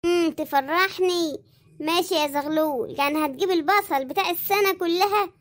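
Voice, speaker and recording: Cartoon housewife played by a woman, Egyptian accent, very high, quick, nagging and theatrical. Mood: wary. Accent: Egyptian Arabic. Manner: nagging, dramatic, lamenting. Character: chatty fretful Egyptian housewife, middle-aged. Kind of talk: comic cartoon voice acting.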